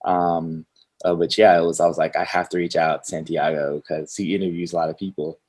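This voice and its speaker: A man's voice: low-pitched, flat delivery, fairly quick, darkish tone, husky. A man hosting a casual crypto interview podcast, upbeat and full of slang. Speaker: podcast host. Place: Houston.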